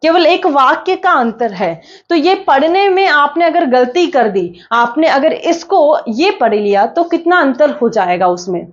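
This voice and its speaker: A woman with a high voice teaches an exam-prep class, patient and methodical. She repeats each point and asks herself questions, then answers them. The audio sounds dull and lo-fi. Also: lively intonation, measured pace, few pauses.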